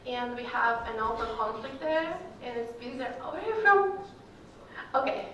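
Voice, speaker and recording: This young alumna from Kyrgyzstan, a native Russian speaker, chats casually with students in a Q&A, using plenty of fillers. She sounds a little high, bright and forceful, expressive, at normal speed. Captured by a distant mic in a large echoey hall, the audio carries slight background noise.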